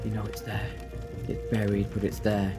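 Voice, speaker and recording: A man's voice: fairly low pitch, monotone, normal speed, over music, close to an everyday voice. A man playing a self-assured, eccentric adventurer in an audio drama, musing aloud in a theatrical, slightly pompous way. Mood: urgent resolve. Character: brisk, self-assured eccentric time-travelling male adventurer.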